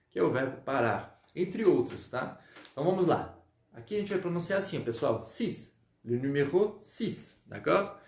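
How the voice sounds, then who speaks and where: A man from Brazil leads a live online French lesson in a fairly high voice. He stretches words out slowly to drill pronunciation and keeps an upbeat, chatty rhythm. The room around him sounds echoey. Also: darkish tone. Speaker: French teacher.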